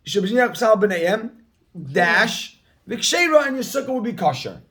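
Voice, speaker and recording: Guy teaching talmud, pretty high voice, keeps repeating the same phrase, pushy and lively, calls on students. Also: normal speed. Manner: repeats key phrases over and over, drilling the point; energetic and emphatic, calling on students. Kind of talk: Talmud class reading and explaining text.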